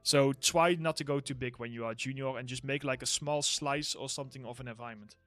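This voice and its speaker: A man with a Dutch accent chats through viewer questions on a relaxed livestream, his voice sitting at an everyday middle pitch. He rambles and restarts easily, his throat starting to sound a bit worn. Faint music plays softly behind him. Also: brisk, no room sound. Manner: reads chat questions aloud and answers loosely, with fillers and laughs. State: throat getting sore from talking. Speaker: livestream host, environment art tutor. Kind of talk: casual Q&A livestream.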